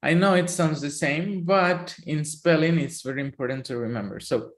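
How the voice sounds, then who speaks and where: Colombian guy teaching spanish, slowish and patient, kinda high voice, echoey room. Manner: patient, checks in often with "okay?". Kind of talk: online language lesson.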